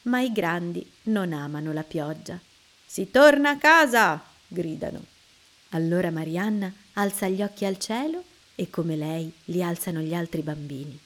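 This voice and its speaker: A woman narrating a children's story in an expressive, lilting way. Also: lowish voice, moderate pace, hardly any pauses.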